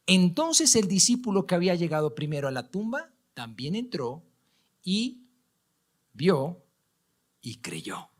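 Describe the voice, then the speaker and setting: Male Colombian pastor, measured, unhurried sermon delivery with wide melodic swings and whispered asides. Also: high-pitched. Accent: Colombian Spanish. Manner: dramatic, swings from loud emphasis to hushed whispers. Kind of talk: sermon reading scripture aloud. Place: church.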